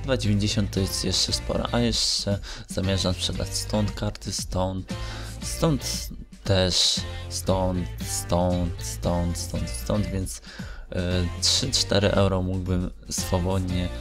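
A young man speaks slowly in a low, level voice, giving off-the-cuff gaming commentary for his vlog with music behind him. He's hesitant and meandering, frequently correcting what he just said.

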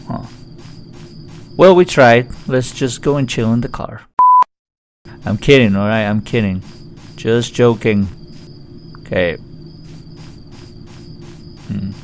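A man's voice: medium pitch, takes it slowly, long pauses, slight background noise. A man giving chatty, joking let's-play commentary on a horror game. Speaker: gaming YouTuber.

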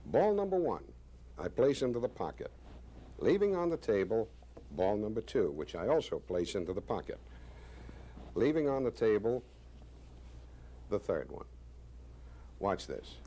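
A man in his sixties, a magician presenting a demonstration with deliberate, showman-like, wryly self-praising patter. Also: fairly low pitch, very animated, dark tone. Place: small indoor studio stage with curtain. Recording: faint background noise.

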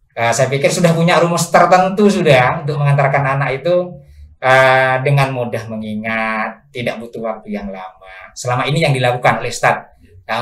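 A man's voice: medium pitch, a bit bright, echoey room. A man hosting a podcast interview, politely restating his guest's points with many fillers. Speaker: podcast host. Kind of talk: casual interview.

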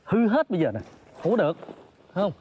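An actor playing a fussy, high-voiced photographer. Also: male voice, lively intonation, a little fast, mellow, slight background noise. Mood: scolding. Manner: coaxing, scolding, exclaims often. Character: kindly, fussy male photographer, grown man. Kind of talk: reformed opera spoken dialogue.

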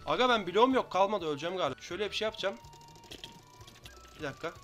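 Fast, bright-voiced young gamer man. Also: high-pitched, faint music behind. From Turkey. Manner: fast excitable banter, taunting opponents. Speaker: gaming YouTuber. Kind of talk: live Minecraft gameplay commentary.

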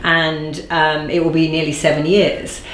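A woman in her forties, a guest in an interview, speaking thoughtfully and slowing down to stress key phrases. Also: deep voice, flat delivery, a bit bright, slight background noise. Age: 40s. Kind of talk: reflective conversational interview. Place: bright living room, seated on a sofa. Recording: roomy echo.

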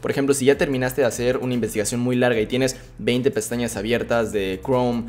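A young man giving a relaxed, chatty software tutorial, full of fillers and restarts. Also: mid-range voice, a little fast. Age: young adult. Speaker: tech YouTuber.

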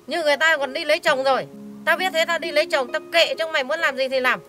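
Woman as a high, bright-voiced widowed mother, quick and scolding; amateur short film. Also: fairly even intonation, faint music behind. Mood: aggrieved scolding. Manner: scolding, blunt and coarse. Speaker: mother in family drama.

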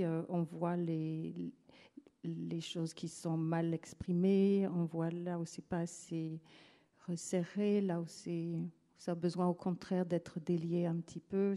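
A woman speaking slowly and thoughtfully in a live stage conversation, her voice very dark and mellow and a touch low. She pauses often, restarts her phrases and searches for words as she reflects aloud. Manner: hesitant, reflective, frequent fillers and restarts. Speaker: guest writer. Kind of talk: onstage literary conversation. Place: theatre stage before an audience. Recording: live event audio capture.

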